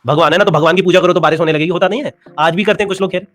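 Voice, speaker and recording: A man's voice: high-pitched, fairly even intonation, very fast, fairly bright tone. A young man with an Indian accent teaching physics in a playful, teasing lecture, slipping English phrases into his talk. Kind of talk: animated classroom lecture.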